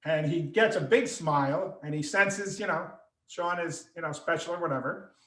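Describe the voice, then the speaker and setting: Middle-aged guy telling a story on a video call, kinda high voice, roomy echo. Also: moderate pace. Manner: animated storyteller, acts out quoted voices. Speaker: author and speaker. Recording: echoey room on a call.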